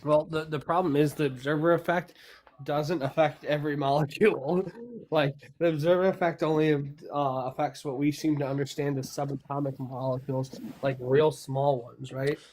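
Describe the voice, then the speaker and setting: A man's voice: fairly high pitch, steady tone, normal speed, a little mellow. A middle-aged man in a casual online debate, explaining his points argumentatively and repeating himself as he goes. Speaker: panelist on a live debate stream. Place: online voice call.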